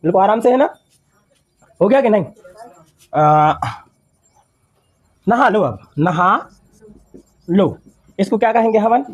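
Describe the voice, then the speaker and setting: A man's voice: high-pitched, expressive, takes it slowly, pauses often, muffled recording. A man teaching English in a classroom, repeating phrases word by word and quizzing his students. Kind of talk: classroom lesson.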